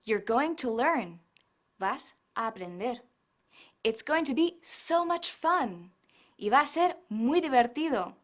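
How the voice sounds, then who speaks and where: A woman's voice: a little high, lively intonation, takes it slowly. A woman giving scripted narration for an English lesson, explaining grammar and pronunciation in Spanish with English examples.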